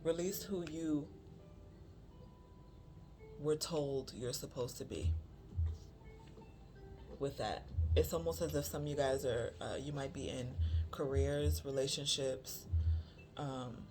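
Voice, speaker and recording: A spiritual card reader giving a channeled reading to viewers, repeating phrases for emphasis, with many pauses and fillers. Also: mid-range voice, steady tone. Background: music.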